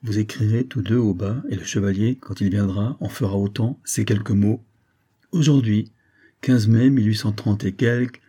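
A man's voice: on the low side, dark tone, slightly rough. A man voicing an elderly general, a kindly but solemn patriarch who speaks firmly and formally.

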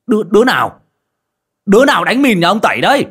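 A man voicing a nosy, bald older village man who stammers and blusters loudly. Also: fairly low pitch, very animated, moderate pace. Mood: alarmed.

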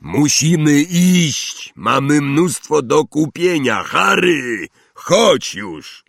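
A man voicing a huge, jovial half-giant gamekeeper with a loud, hearty voice. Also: medium pitch, expressive, slow, gravelly, no echo, studio quality, voice pushed up, heavily acted. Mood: shouting.

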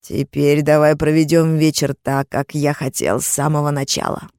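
A woman's voice: low-pitched, little pitch movement, normal speed, darkish tone, no room sound, clean studio sound. A woman voicing a brutal, swearing male captor. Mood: sneering. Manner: crude, threatening, swearing. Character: brutal menacing man, a rude jealous captor.

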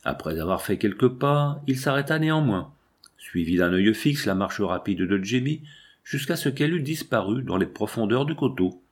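A man with a husky voice on the low side reads a classic novel as an audiobook, giving it a measured, expressive narration.

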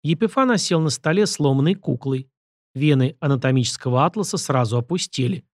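A man narrating a first-person audiobook in a steady, measured reading. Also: mid-range voice, dry recording, studio quality.

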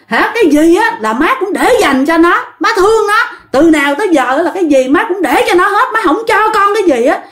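A woman's voice: very high-pitched, lively intonation, brisk, hardly any pauses, a bit bright, pitched above the performer's own voice. A woman voicing a frightened middle-aged man who rages at and then begs his dead mother, speaking. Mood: angry pleading.

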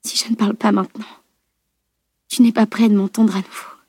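A woman's voice: medium pitch, little pitch movement, brisk, warm tone, breathy edge, no echo, lightly acted. A woman reading an audiobook and voicing a dying young woman warrior who whispers with strain and little breath. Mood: faint tender.

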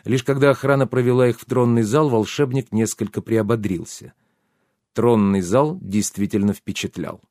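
Male audiobook narrator, lowish voice, measured, dry close sound. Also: darkish tone, dry recording.

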